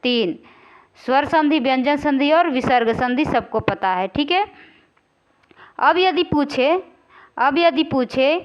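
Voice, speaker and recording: A woman teacher going through exam questions, explaining slowly, repeating and drawing out key words, and often asking if the class follows. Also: high-pitched. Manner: keeps checking understanding with rhetorical questions. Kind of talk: exam-prep grammar lesson. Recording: slightly dull, lo-fi audio.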